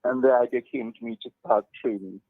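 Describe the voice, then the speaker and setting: An older man from Trinidad, a psychiatrist, talks slowly and hesitantly as a guest on a phone interview. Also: mid-range voice, fairly even intonation, no room sound. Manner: slow, hesitant, measured. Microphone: phone line. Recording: tinny phone line.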